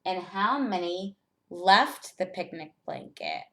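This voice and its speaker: A woman with a slightly low voice teaches a lesson for young children at a very slow pace. Her pitch moves up and down in a lively way. She uses simple, deliberate phrases and asks the learners questions as she goes. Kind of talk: children's math lesson, step-by-step instruction.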